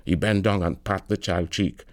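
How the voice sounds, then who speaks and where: A man reading a novel aloud in a lilting, expressive storytelling manner. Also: sits low, moderate pace, no echo, studio quality. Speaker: reader.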